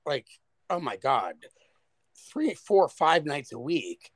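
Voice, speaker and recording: Animated, profane man podcast co-host. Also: on the high side, slow pace, no echo. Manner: animated, profane, exaggerated storyteller. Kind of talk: casual chat.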